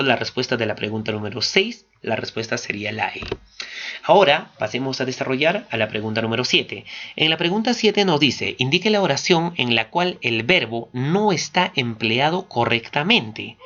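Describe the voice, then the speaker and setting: Bright-voiced man explaining exam answers. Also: medium pitch. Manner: steady explanatory, asks and answers own questions. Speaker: teacher. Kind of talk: exam question walkthrough. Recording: dull lo-fi recording.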